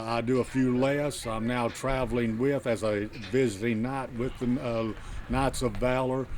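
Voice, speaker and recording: A man speaking as a jousting knight in an informal on-site interview, explaining things deliberately. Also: medium pitch, darkish tone. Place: outdoors at a fair, near horses. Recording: faint outdoor background noise.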